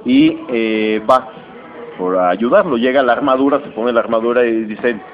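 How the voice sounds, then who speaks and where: A man with a Mexican accent, a comics podcast host, casually retelling a comic's plot in a slangy, animated way and briefly acting out characters' lines. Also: mid-range voice. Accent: Mexican Spanish. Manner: animated, slangy, acts out lines in quick voices. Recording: dull lo-fi recording with steady noise.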